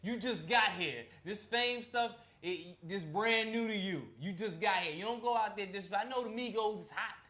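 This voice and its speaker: A man putting on a brash young New Yorker who loudly lectures a rookie in slang. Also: sits high, moderate pace, hardly any pauses, pitched above the performer's own voice. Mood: scolding.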